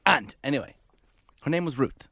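Animated Irish man with swooping pitch. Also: normal speed, no echo, clean studio sound. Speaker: radio podcast co-host. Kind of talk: casual, animated chat.

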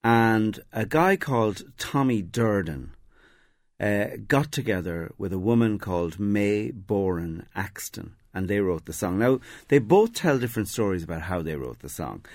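A man's voice: fairly low pitch, expressive, measured pace, dry recording, clean studio sound. A man on a radio talk show, telling a song's history in casual chat and laughing easily. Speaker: music pundit. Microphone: studio microphone.

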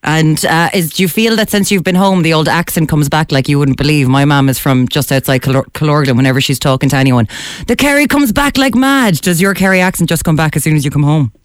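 A woman's voice: deep voice, fast, hardly any pauses, no room sound, clean studio sound. A woman with an Irish accent hosting a casual radio interview in an informal, jokey, enthusiastic way. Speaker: radio host.

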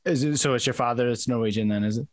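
A man's voice: medium pitch, fast talker. A man hosts a podcast in a chatty, conversational way, often stacking several questions together. His voice sits in a mid range. The sound is dry, with no room echo. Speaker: podcast host. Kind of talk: interview podcast hosting.

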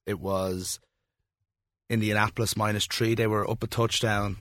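A man's voice: lowish voice, level tone, normal speed, a bit bright, no room sound, studio quality. A man co-hosting a casual sports podcast, rambling and often laughing at himself. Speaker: podcast co-host.

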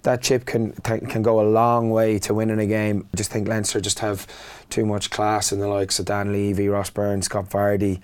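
A man giving casual sports analysis as a rugby pundit, halting and repeating words as he reasons. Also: fairly low pitch, monotone, darkish tone, smooth. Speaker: rugby pundit, former player or coach.

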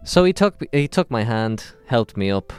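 A man, telling a rambling comic story on his podcast with deadpan asides. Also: mid-range voice, normal speed, clean tone, dry recording. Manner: rambling, self-interrupting and deadpan. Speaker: podcast host.

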